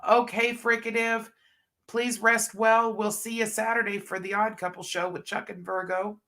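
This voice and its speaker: A middle-aged woman with allergies, her voice stuffy and a bit scratchy, hosts a laid-back livestream, chatting warmly with viewers, reading their comments and calling them hun and honey. She speaks at normal speed in a mid-range voice with a flat delivery and a fairly bright tone.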